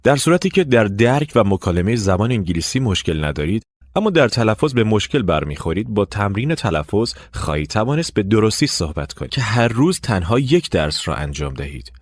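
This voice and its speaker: Lively-voiced man narrating a lesson. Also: lowish voice, hardly any pauses, no room sound. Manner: instructive, gives clear step-by-step directions. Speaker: language teacher.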